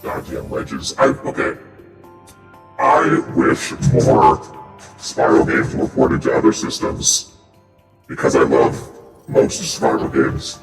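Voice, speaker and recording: A gamer talking through a voice changer that drops the voice to an extreme, rumbling low, which turns their goofy, self-mocking commentary into something slow and dragging. The sound is echoey and set back from the mic, with game music playing underneath. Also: completely flat delivery, far from the mic. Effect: voice changer pitching the voice very deep. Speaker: streamer playing a platform game. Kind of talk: casual gameplay commentary.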